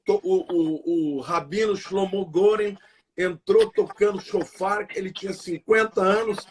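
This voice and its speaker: A man's voice: sits high, fairly even intonation, measured pace. A man in his sixties, a guest pastor, chiming in with historical corrections and agreement during a live chat. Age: 60s. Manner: chimes in with corrections and affirmations. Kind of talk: conversational chat in a live stream. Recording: faint background noise.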